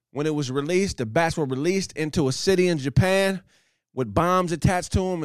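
A man's voice: on the high side, no room sound, studio quality. A man hosting a comedy podcast, riffing in incredulous, profane rants broken by laughter.

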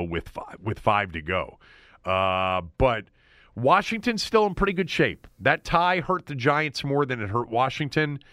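A man with a low voice hosts a sports talk podcast, chatting loosely and restarting his sentences as he goes. His voice is wearing thin and he sounds like he is losing it. The sound is dry and close. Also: pushed and bright, dry recording. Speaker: podcast host.

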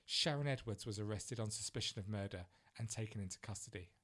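A man narrating a true crime story in a measured, grave manner. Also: fairly low pitch, fairly bright tone.

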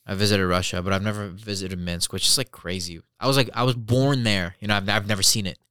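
A man's voice: on the low side, steady tone, quick pace, sharp tone, smooth, no room sound, studio quality. A man in his late twenties with an American accent, chatting casually in a blunt, slangy, sweary way. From born in Belarus, moved to the US at three. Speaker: guest answering searched questions about himself. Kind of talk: casual chat.

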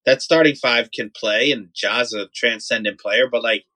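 A man's voice: mid-range voice, normal speed, pushed and bright. A man in a casual sports debate, making his points emphatically and repeating them for emphasis. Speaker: sports podcast panelist.

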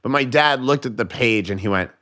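An American man, a comedian guest on a podcast, telling jokes in casual chat and doing quick voices for the people in them. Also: medium pitch. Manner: animated storyteller, voices joke characters.

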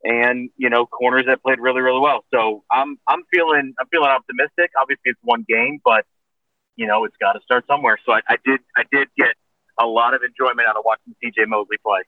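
A man's voice: fairly even intonation, quick pace, dry recording. Thin tinny man calling in from a car. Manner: rambling with many ums and restarts. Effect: thin tinny voice with no bass, like from a tin can. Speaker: podcast co-host. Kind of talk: casual sports chat. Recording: tinny phone line from a car.

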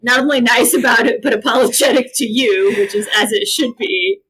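A woman's voice: a little high, brisk, heavy background noise. A woman co-hosting a podcast, reacting with enthusiastic, encouraging casual chat. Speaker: podcast co-host.

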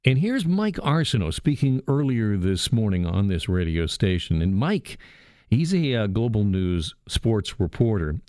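A man's voice: fairly low pitch, big pitch swings, unhurried, a little mellow, no room sound. A man hosting a radio talk show from a studio booth, chatty and jokey. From Canada. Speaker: radio host. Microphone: studio microphone.

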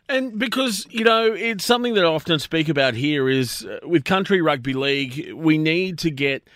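A man's voice: on the high side, lively intonation, normal speed, fairly bright tone, dry recording, clean studio sound. An Australian man hosting a casual radio interview in a matey, colloquial way. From Brisbane, Australia. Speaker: radio host.

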